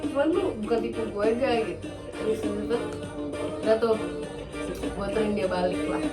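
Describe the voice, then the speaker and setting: A woman, casually telling a story on a podcast, animated and acting out the quotes. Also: medium pitch, moderate pace, far from the mic. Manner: animated, acts out quotes, laughs often. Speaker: podcast host. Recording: roomy, off-mic, music behind.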